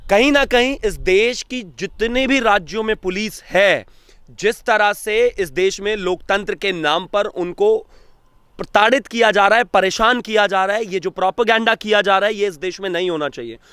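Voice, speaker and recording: Angry political analyst guy, high bright voice, keeps firing questions, dry close sound. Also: moderate pace, clear, resonant tone, no room sound. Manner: agitated, accusatory, rhetorical questions. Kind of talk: heated political commentary.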